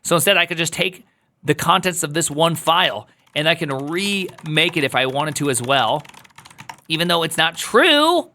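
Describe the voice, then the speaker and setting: A man with a bright, forceful voice pitched a little high leads a live coding walkthrough. He talks through each command as he types, tossing playful asides to his viewers and jumping even higher when he teases. Keyboard clatter sits behind him. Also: normal speed, slight background noise. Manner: playful, joking asides to chat, jumps high when teasing. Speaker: coding instructor.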